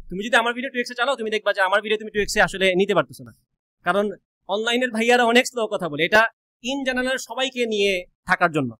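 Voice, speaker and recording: A young man with a colloquial Sylheti-tinged Bengali accent, giving a blunt, rapid-fire orientation lecture as a coaching teacher, mixing in English words. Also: sits high, sharp tone. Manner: rapid-fire, says he always talks fast.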